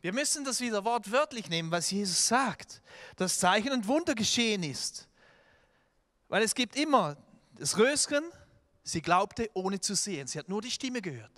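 A male pastor gives a church sermon at normal speed in a high voice. He animates his stories by acting out the quotes, though he restarts often and uses filler sounds.

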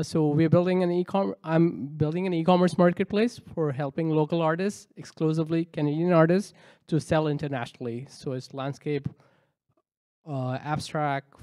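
A young man in his twenties, a graduate student founder, earnestly pitching his marketplace and repeating key points, on a handheld mic. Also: a little mellow, dry recording. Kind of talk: audience pitch.

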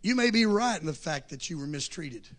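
A man preaching a revival sermon to a congregation, impassioned and building to shouts with repeated refrains. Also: on the high side, animated, brisk. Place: church service before a congregation.

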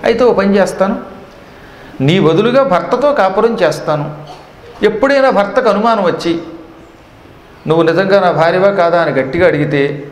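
A man voicing a calm, resolute goddess wife in an earnest storytelling voice. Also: sits high, moderate pace, long pauses, roomy sound, big-room sound.

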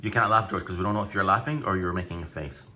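A man's voice: sits low, fast, crowd noise. A middle-aged man chatting casually as he films and referees a children's challenge at home. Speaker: father filming and refereeing a kids' challenge. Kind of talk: casual chat. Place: home dining room and kitchen. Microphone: behind the handheld camera.

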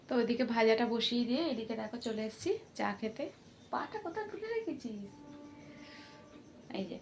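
A woman's voice: a little high, vocal fry, a little mellow, a little hiss or hum. A woman in her thirties chatting casually to viewers as friends while doing chores in her home kitchen, recorded on a phone. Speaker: home vlogger. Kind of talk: casual home vlog narration.

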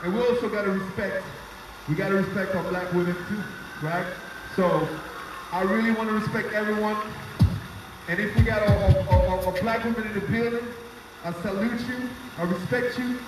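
A man's voice: high-pitched, steady tone, moderate pace, background noise. A man from Senegal, a rapper addressing a crowd live on a mic in an outdoor plaza at night, rousing them between songs. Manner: rousing, call-and-response crowd hype. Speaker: rapper and singer performing. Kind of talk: live stage talk to a crowd. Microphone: handheld mic through speakers, filmed from afar. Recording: echoey outdoor PA, far phone camera. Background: loud backing music.

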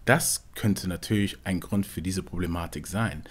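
A man from Togo, a panelist in a casual discussion, talking in a measured, analytical way. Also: low-pitched, breathy edge.

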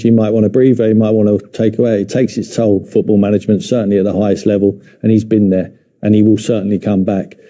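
Low-voiced middle-aged male pundit, measured. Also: warm tone. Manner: measured, hedging opinions. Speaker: football pundit. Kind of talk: studio punditry. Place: TV studio.

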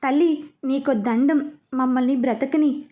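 Young husband, worried and confused, read by a woman, high soft voice. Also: unhurried. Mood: concerned. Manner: concerned, puzzled. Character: caring young husband, baffled.

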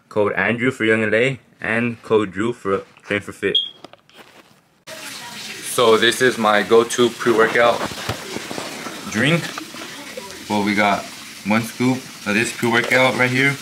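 A man's voice: lowish voice, a bit bright. A young man, chatting casually to camera as a fitness vlogger. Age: young adult. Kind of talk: casual vlog chat to camera. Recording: noisy vlog audio with ambient noise.

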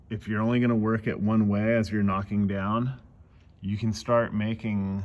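A man doing dent repair outdoors, explaining his work in a relaxed, casual way as he films on a phone. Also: lowish voice. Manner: relaxed, explanatory, talks between tasks. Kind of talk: casual how-to narration while working. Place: outdoors in a parking lot beside a car.

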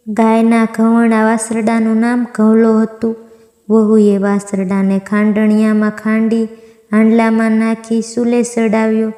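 A woman narrating a devotional fasting-day story in an even, recited manner. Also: on the high side. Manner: slow, even, recited delivery. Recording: echoey room with long reverb.

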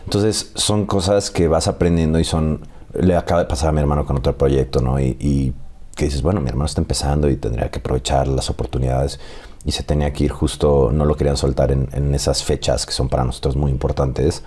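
A Mexican man in his thirties, an actor telling animated stories and laughing often in a casual interview. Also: a bass voice, fairly quick, slightly rough. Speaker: actor guest.

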